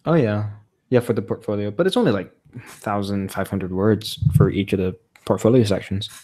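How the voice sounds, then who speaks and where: Speaking at a normal speed, a young man with a dark, low-leaning voice chats on a podcast as co-host. He's talkative and self-deprecating, rambling along with frequent laughs.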